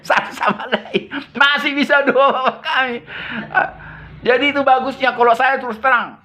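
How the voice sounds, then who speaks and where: A missionary pastor with a very high, pushed, bright voice tells stories at a moderate pace in casual conversation. He's chatty, laughs often, and acts out what people said.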